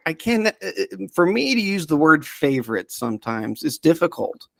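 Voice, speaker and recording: Speaking as a subject-matter expert on a podcast, this man chats casually but rambles, often hesitating, interrupting himself, and restarting his thoughts. His voice is a little high, sing-song, creaky, and fairly bright at a normal speed, recorded cleanly in a studio with no room sound.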